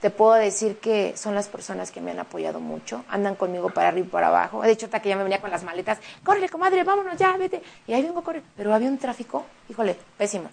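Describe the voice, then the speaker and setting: Mexican lady talking about her acting, bit of a gravelly fry in her voice, chatty and emotional. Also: mid-range voice. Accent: Mexican Spanish. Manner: chatty and emotional, quick animated retelling. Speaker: interview guest, singer and actress. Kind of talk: casual interview chat.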